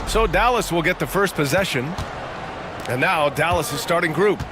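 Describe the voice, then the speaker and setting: A man calling basketball play-by-play in a video game, briskly naming each play as it happens. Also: on the high side, expressive, noisy background. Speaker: play-by-play commentator.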